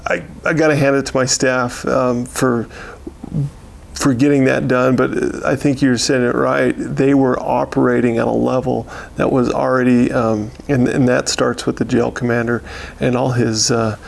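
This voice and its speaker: A man with an American accent talks in a medium-pitched, gravelly voice full of creak. He answers like a sheriff in an interview, steady and unscripted. He pauses often and repeats words as he finds his way. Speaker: county sheriff giving a year-in-review.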